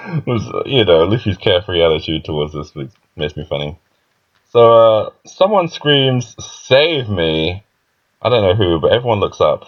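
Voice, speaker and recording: A young man with a deep voice casually reviews a comic chapter at a normal speed, his pitch swinging widely. He rambles with lots of fillers and laughs, and the lo-fi recording sounds dull.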